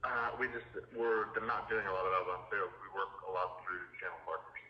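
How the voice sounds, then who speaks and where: A man's voice: sits low, fairly even intonation, brisk. A man leading an engineering team, answering a cold call with short, brief replies. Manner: curt, brief. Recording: dull echoey phone line.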